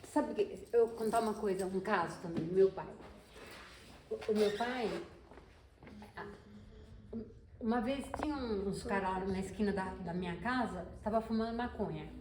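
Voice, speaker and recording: A woman's voice: mid-range voice, normal speed, long pauses. A woman telling a personal story casually to a group, chatty, with restarts and acted-out quotes. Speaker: participant sharing a story. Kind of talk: casual anecdote in a group talk. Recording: echoey room with background noise.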